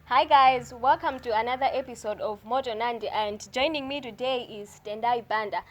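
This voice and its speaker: A woman's voice: fairly high pitch, moderate pace. A woman, interviewing a guest in an encouraging way with short affirmations. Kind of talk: casual interview conversation.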